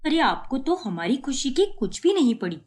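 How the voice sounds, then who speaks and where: A woman's voice: sits high, very animated, normal speed, a little mellow. A woman voicing a young daughter-in-law in a cartoon story who schemes and defies her mother-in-law. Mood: defiant. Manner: complaining, defiant.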